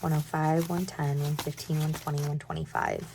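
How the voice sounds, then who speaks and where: Brief: woman, 30s, low and gravelly, hoarse from a cold, casual budgeting chat. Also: level tone, moderate pace, background noise. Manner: candid and chatty, drops to a near-whisper at times. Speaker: budgeting vlogger. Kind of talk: casual chat while stuffing cash envelopes.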